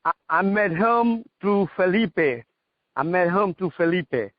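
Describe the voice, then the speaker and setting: A man's voice: high-pitched, animated, slow pace, no room sound. A man from New York, a martial artist guest, reminiscing in a casual radio interview. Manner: reminiscing, talks in street-direction detail. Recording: dry, dull lo-fi radio audio.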